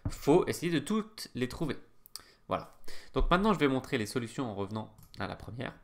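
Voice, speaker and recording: French male chess teacher, middle pitch, talks off the cuff with frequent hesitations while walking through solutions. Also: sing-song, fairly quick. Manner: hesitant, many filler sounds, explains step by step. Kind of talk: casual spoken chess lesson.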